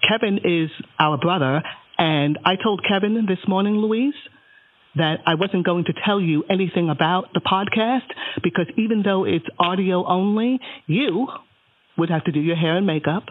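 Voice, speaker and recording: Dry, teasing woman host on a phone line. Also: fairly low pitch. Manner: dry, teasing, deliberate listing. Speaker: podcast host. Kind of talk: casual phone chat.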